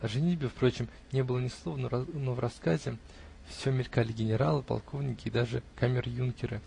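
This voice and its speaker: A man reading a classic novel aloud in the first person, with expressive storytelling. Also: mid-range voice, quick pace, gravelly, slight background noise.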